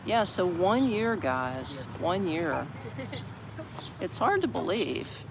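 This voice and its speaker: An American expat livestreamer from Orlando, Florida, sits on steps in a busy city park, rambling casually to viewers and greeting them as they join. His voice is high with vocal fry and big pitch swings, and he takes it slowly. Street and traffic noise fill the noisy outdoor recording.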